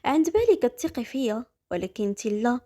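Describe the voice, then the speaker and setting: A woman's voice: big pitch swings, quick pace, dark tone. A woman with a Moroccan accent voicing a furious, jealous young husband, angry and accusing. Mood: bitter. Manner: angry, accusing, lower-pitched.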